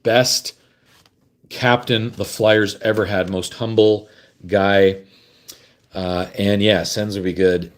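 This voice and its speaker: A man's voice: on the low side, darkish tone. Rambling chatty man hosting a livestream. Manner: rambling, chatty, fumbles with gear. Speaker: host. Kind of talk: casual livestream chat.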